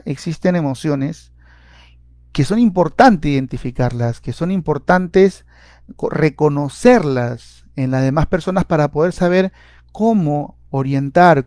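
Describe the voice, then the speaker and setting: A man's voice: on the high side, a little mellow, no room sound, studio quality. A man, a psychologist giving a seminar lecture, explaining step by step with frequent "eh" fillers and repeated words. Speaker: clinical psychologist and seminar speaker.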